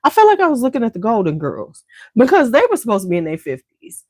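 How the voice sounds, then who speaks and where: A woman's voice: on the high side, wildly swooping pitch, fast, darkish tone, breathy edge, dry recording. A woman hosting a beauty livestream, chatting casually and slangily straight to her viewers.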